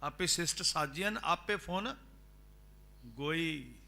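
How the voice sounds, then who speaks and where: A man with a Punjabi accent giving a sermon at a gurdwara, shifting between loud drawn-out chanting of scripture and quiet speech. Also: a little high, expressive. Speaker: Sikh preacher giving katha. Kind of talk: sermon with sung scripture lines. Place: gurdwara hall, live broadcast.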